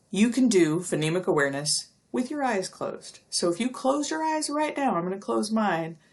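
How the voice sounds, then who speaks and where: A middle-aged woman giving a recorded lecture, explaining step by step and stretching out speech sounds slowly to demonstrate them. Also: medium pitch. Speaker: university lecturer.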